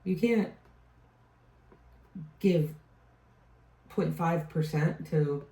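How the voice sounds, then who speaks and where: A woman with a low, mellow voice gives a casual tarot reading. She rambles, trails off and restarts mid-thought. She sounds set back from the mic in a roomy, echoey space. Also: drawn-out words, vocal fry. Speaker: tarot reader. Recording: echoey room, distant mic.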